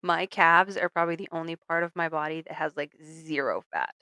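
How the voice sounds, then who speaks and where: A young woman with a lowish voice tells a story on a casual podcast, acting out quoted lines with lively swings. The sound is dry and close, with no room around her. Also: a little fast, dry recording. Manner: animated, acts out quoted voices with laughs. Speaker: podcast co-host.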